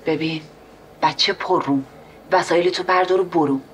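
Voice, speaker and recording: A woman's voice: on the low side, fairly even intonation, slight background noise, natural voice. An actress playing a stern female shop worker who speaks curtly and dismissively. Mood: annoyed. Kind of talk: comic screen acting. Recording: busy crowd behind.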